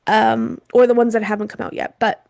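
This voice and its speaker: Chatty woman with a gravelly voice. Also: fairly high pitch, flat delivery, brisk, darkish tone, no room sound. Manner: chatty, laughs often, lots of fillers. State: throat irritated from wildfire smoke. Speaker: podcast co-host. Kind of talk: casual chat.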